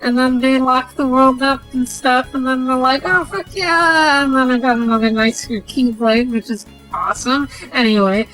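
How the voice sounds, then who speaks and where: A woman's voice: high voice, little pitch movement, normal speed, hardly any pauses, a bit bright, soft background music, rough recording. A young woman streamer casually recapping a game, rambling and swearing with many fillers.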